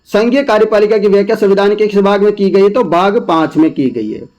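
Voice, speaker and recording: Coaching teacher, male, high voice, folksy and coaxing. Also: fairly quick, darkish tone. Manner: chatty, repeats answers, coaxing asides to viewers. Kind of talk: exam question walkthrough lesson.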